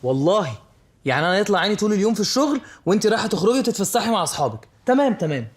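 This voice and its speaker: An actor playing a sulking young husband with an Egyptian accent, passive-aggressive in a comedy series. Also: male voice, high voice, very animated, racing, soft background music. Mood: sulky. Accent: Egyptian Arabic.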